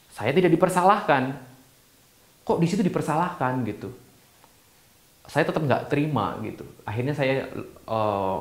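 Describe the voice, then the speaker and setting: A man who is a yoga teacher, explaining a teacher training course in a chatty, casual way with many fillers and restarts. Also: medium pitch. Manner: chatty, frequent fillers and restarts, self-deprecating asides. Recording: echoey room.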